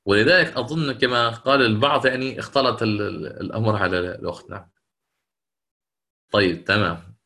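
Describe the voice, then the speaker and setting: A man's voice: fairly low pitch, bright, forceful tone. A middle-aged man teaching Quran recitation rules in a lecture, explaining step by step and stopping to check his students follow and to take questions. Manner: explanatory, pauses to check understanding and answer questions. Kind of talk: online lecture with recited examples.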